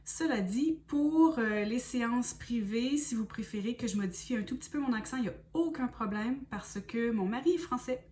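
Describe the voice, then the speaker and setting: A woman's voice: fairly high pitch, animated, moderate pace, hardly any pauses, mellow. Québécoise woman, slightly distant mic. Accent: Québécois French. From Quebec. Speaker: oracle card reader and spiritual guide. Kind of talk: casual self-introduction video.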